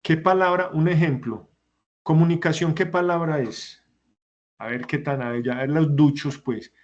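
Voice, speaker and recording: A man's voice: on the high side, moderate pace, dull audio. A man teaching a class who explains step by step and puts questions to his students. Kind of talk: online class lecture.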